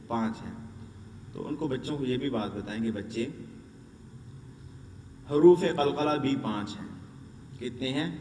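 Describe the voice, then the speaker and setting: A man with a medium-pitched, darkish voice gives an instructional lesson to Quran teachers, drilling letter sounds and posing questions he then answers himself. The room is echoey, the mic distant, and there's faint noise.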